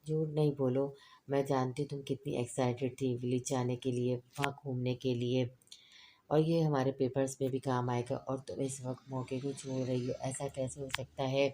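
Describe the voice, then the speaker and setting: A woman's voice: a bass voice, level tone, warm tone, slight background noise. A woman reading the lines of a bossy, insistent young woman friend in a storybook, speaking firmly. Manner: firm, insistent.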